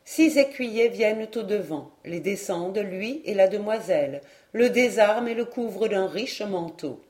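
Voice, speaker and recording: A woman narrating a medieval romance as an audiobook reader, in a clear, measured reading style. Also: medium pitch, lively intonation, darkish tone.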